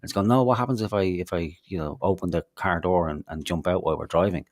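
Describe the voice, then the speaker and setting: Chatting casually as a podcast co-host, this man talks fast in a deep voice, telling meandering stories littered with fillers, false starts and curse words. The studio-quality audio has no room sound.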